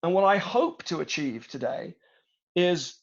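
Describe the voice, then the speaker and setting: A middle-aged British man giving a storytelling talk to students over a video call, measured and reflective, with frequent hesitations. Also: sits high, sing-song, highs cut off. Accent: British English. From Britain. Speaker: guest speaker, tech executive.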